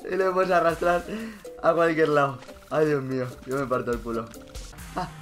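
A young man with a Spain Spanish accent, giggling and shouting through a gaming commentary, laughing at nearly everything. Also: fairly high pitch, moderate pace, faint music behind. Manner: laughing constantly, loud exclamations, swearing. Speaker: gaming YouTuber. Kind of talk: let's play commentary.

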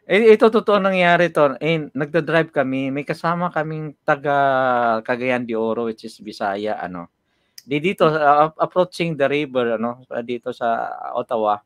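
A middle-aged man co-hosting a community radio show, telling funny stories in a casual, animated way. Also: mid-range voice, normal speed, dry recording. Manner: animated storyteller, warm and jokey. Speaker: radio co-host.

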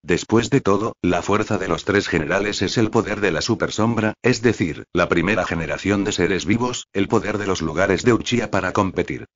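A man narrating an audiobook in a steady, even reading with little expression. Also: deep voice, fairly quick, few pauses. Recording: dull lo-fi audio.

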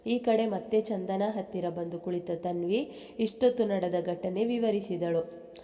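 Woman storyteller with a mellow, dark voice, reading a love story aloud; long reverb on the track. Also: medium pitch, unhurried. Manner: reads aloud at an even pace, dropping into the characters' speech for quotes. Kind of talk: narrating a love story, voicing each character's quoted lines.

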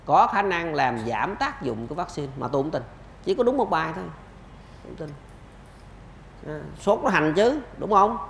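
A man's voice: a little high, gravelly, echoey room, slight background noise. A man lecturing on pediatrics, answering questions emphatically with rhetorical questions.

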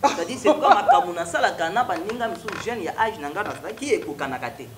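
A young man with a Congolese accent, a prophet guest, preaches his testimony in a studio interview set against a stone wall, his high voice rising and falling with lively, animated energy at a fast pace. He switches freely between French and Lingala, while the room lends a roomy echo over a faint hiss.

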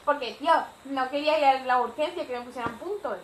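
A woman's voice: sits high, fast, echoey room, music in the background, rough recording. A young woman with a Spanish accent from Spain, rambling chattily with many fillers in a casual storytime vlog at home. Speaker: vlogger. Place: home living room.

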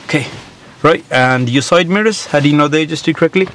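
A man's voice: fairly high pitch, quick pace, a bit bright. A man in his thirties working as a driving instructor, talking a learner through steps and often checking with a "yeah?". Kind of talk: instructing a learner, conversational question and answer. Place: inside a parked car. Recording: noticeable car-cabin background noise.

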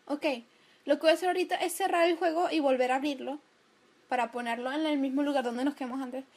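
A woman's voice: high-pitched, fairly even intonation, quick pace. A woman hosting a horror game playthrough, chatty and jokey, swearing and laughing as she plays. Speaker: gaming video host. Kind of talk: horror game let's play commentary. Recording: game music playing loudly behind. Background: game music.

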